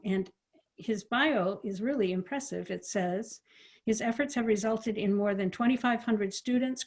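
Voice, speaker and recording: A woman moderates an online policy briefing, thanking and introducing speakers with warm encouragement. Her voice sits at a middle pitch and her delivery is smooth and steady. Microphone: video call.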